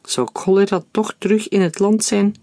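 A man voicing a sly, bearded village doctor with a cruel streak, speaking calmly. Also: high voice, moderate pace, dry recording, clean studio sound, pitched above the performer's own voice.

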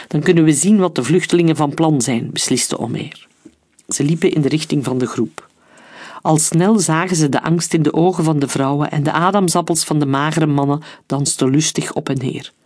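A man reading an audiobook story, shifting his voice for the dialogue. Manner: reads dialogue with shifts in pitch and loudness. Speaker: narrator. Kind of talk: audiobook narration with character voices.

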